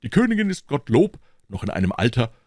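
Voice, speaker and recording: A man doing a loud, smug boastful musketeer. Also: medium pitch, big pitch swings, fairly quick, dry recording, studio quality, voice pushed up. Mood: lecturing. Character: boastful, self-satisfied adult male musketeer.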